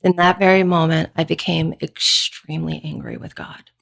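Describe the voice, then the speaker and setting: A woman's voice: low-pitched, normal speed, gravelly, a bit bright. A woman guest on a faith podcast, telling her story in a candid, earnest way. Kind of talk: interview about faith and marriage. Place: podcast studio.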